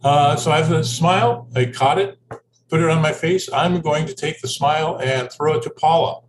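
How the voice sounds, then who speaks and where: A man co-hosting an online meetup over a video call, reading out the house rules in a relaxed way with filler pauses. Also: fairly high pitch, noisy background. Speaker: co-host.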